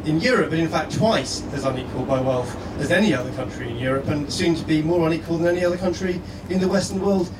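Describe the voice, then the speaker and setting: Here a Scottish guest speaker moves at a quick pace with few pauses, his voice a touch high, as he reads his prepared persuasive letter earnestly and rhetorically to an indoor stage audience. The mic sits far away in a reverberant space, and background noise runs steadily throughout.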